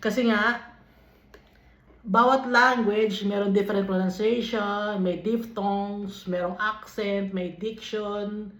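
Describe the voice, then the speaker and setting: A woman with a Filipino accent leading a Bible study, reading verses aloud and then explaining them in an unhurried way, switching between English and Tagalog. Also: medium pitch, fairly even intonation. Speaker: Bible teacher. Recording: dull, lo-fi recording in an echoey room.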